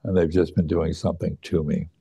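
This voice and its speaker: A middle-aged man slowly telling a personal story, reflective and hesitant, pausing and restarting his words. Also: extremely low pitch, level tone, creaky, dark tone, slightly rough. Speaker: student recounting his teacher's death.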